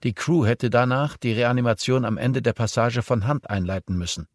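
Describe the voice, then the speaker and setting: Ein Mann spricht in einem Hörbuch einen kühlen, sachlichen Bordcomputer, knapp und nüchtern. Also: male voice, mid-range voice, moderate pace, no room sound, clean studio sound, pitched above the performer's own voice, close to an everyday voice. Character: terse male ship computer, cold and factual.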